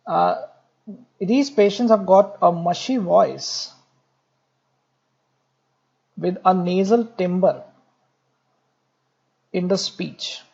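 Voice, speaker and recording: A man's voice: sits high, extremely slow, creaky, pauses often, darkish tone, slightly rough, highs cut off. A man giving a medical lecture, joking with the class and repeating key points.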